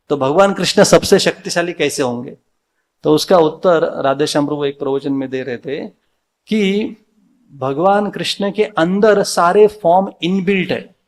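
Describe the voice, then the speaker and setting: A man with an Indian accent giving a devotional Sunday sermon in a temple hall, mixing in English words and asking his listeners questions that he answers himself. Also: high voice. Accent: Indian, mixing Hindi with English words. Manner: asks the audience questions and answers them himself.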